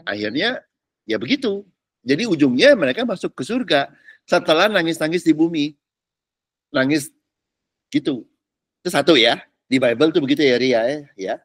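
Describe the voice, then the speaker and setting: Lively chatty Indonesian pastor. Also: male voice, on the high side, normal speed, pauses often, no echo. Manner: chatty, slangy, asks listeners if they follow. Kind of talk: casual teaching sermon.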